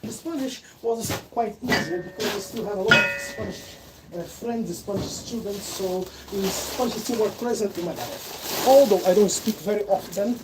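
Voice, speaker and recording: This Portuguese-speaking Brazilian man uses English with a Brazilian accent, his voice sitting high and moving at a moderate pace. On a livestream from his job sorting bags, he chats in a loose, conversational way, wandering off topic and fixing his own words. The recording carries heavy background noise.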